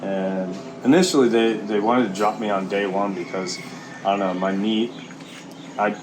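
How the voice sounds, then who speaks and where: Low, slow-talking man on a walk. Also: noisy background. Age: middle-aged. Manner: talking while out walking. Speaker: vlogger, military serviceman and former Marine. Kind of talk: casual walk-and-talk vlog.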